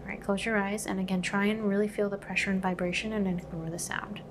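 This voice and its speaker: A soft-spoken woman in an ASMR medical exam, acting as examiner and calmly explaining each step with gentle instructions. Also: mid-range voice, fast talker, noisy background.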